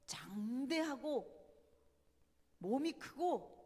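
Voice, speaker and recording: A woman giving a Bible study lecture, animated and emphatic, often putting rhetorical questions to her listeners. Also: high-pitched, big-room sound.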